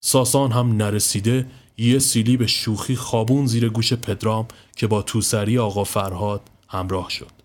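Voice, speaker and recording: A man's voice: fairly low pitch, steady tone. A man steadily narrating a scripted horror story. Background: soft music.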